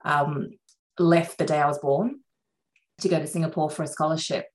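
Low-voiced woman surgeon, chatty and reflective. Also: fairly even intonation, moderate pace, poor audio. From Sri Lanka. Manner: chatty, reflective, frequent fillers. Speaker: surgeon guest. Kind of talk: relaxed interview conversation.

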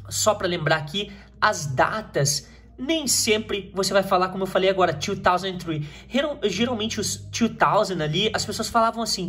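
Brazilian teacher, slow drilled English phrases. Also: mid-range voice, fairly bright tone. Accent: Brazilian Portuguese. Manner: explains step by step, repeating English phrases slowly and clearly. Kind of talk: video reading lesson explaining English in Portuguese.

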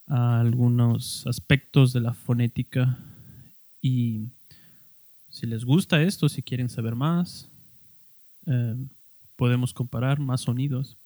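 A man hosting his own podcast, talking casually and haltingly, often restarting words as he explains. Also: medium pitch, a little mellow, dry recording. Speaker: podcast host. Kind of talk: casual solo podcast talk.

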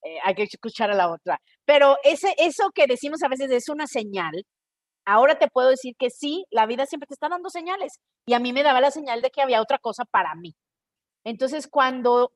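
A Mexican woman with a Mexican Spanish accent shares a personal story in a relaxed podcast monologue. She is animated and expressive and often acts out her own thoughts in quoted voices. Her voice sits a little high, and the recording is dry and close. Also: no echo. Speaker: podcast host.

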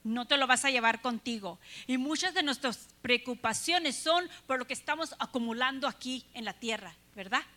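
A woman's voice: high-pitched, moderate pace, hardly any pauses, bright, forceful tone. A woman preaching a sermon, earnest, asking her listeners rhetorical questions.

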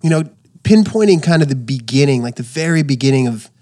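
Brief: male podcast host, mid-pitched voice, friendly but meandering questions. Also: expressive, fast, warm tone. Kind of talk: casual interview.

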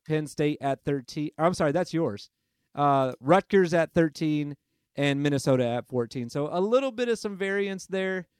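A man's voice: on the high side, clear, resonant tone, no room sound. Chatty man with a dry, close sound. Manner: chatty, self-deprecating, quick to change his mind. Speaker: podcast host. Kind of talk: casual sports podcast chat.

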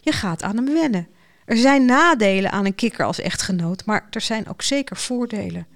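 A woman's voice: mid-range voice, lively intonation, lightly acted. A woman voicing a worldly, matter-of-fact aunt who dispenses blunt advice in a storybook. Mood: brisk. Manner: dry, brisk, knowing.

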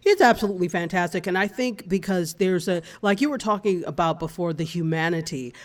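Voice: mid-range voice, a little fast. Upbeat talk show panelist from africa, gushes, restarts words a lot. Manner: enthusiastic, chatty, restarts words. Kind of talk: casual chat.

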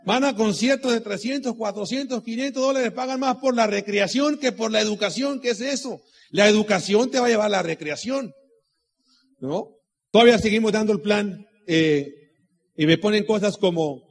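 A middle-aged man with a husky, fairly high voice speaks to a live audience. He preaches with rhetorical questions and repeats his key lines. Personal anecdotes run through his talk. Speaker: motivational speaker at a business meeting.

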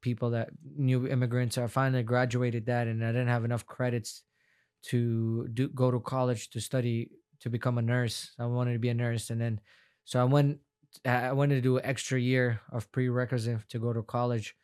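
A young Afghan fighter, a Farsi speaker using English as a non-native, talks casually as an interview guest. His mid-range voice is level, a little mellow, clear and resonant, at a normal speed. He rambles from the heart and repeats words.

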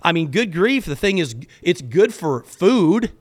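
A man doing an excited, self-justifying Eve. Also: high voice, measured pace, exaggerated voice. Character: Eve, a woman talking herself into temptation.

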